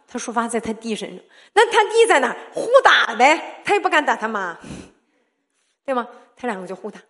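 A woman giving a sermon-style testimony, animated and often laughing, who keeps putting rhetorical questions to her listeners. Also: sits high. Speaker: church speaker sharing testimony.

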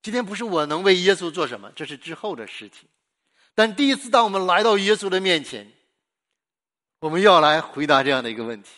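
Forceful, emphatic male preacher. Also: sits high, sing-song, fairly quick. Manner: emphatic preaching with big swings between loud and hushed; repetitive rhetorical questions to the listeners. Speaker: pastor. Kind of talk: sermon.

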